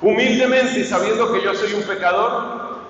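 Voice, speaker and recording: A man preaching a sermon as a priest, swinging from hushed pleading to fervent shouting. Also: high-pitched, normal speed, a little hiss or hum. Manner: impassioned, swings from soft to shouting. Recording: echoey hall, distant mic, dull sound.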